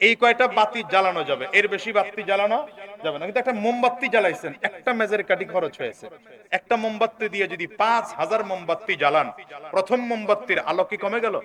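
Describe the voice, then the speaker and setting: A man preaching to a large gathering. He calls on the crowd to answer loudly and swings between shouting and low asides. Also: expressive, fast. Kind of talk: sermon.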